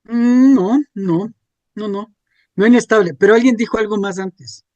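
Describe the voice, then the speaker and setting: A man's voice: high voice, unhurried, a little mellow, no room sound, lo-fi sound. A man, teaching a class and checking in with students through frequent questions. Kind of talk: classroom lecture.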